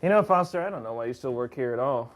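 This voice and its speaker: An actor playing a petty, pompous, vindictive office boss who scolds melodramatically in a comedy drama. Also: male voice, mid-range voice, lively intonation, quick pace, close to an everyday voice. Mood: condescending, scolding. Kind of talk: comedic audio-drama dialogue.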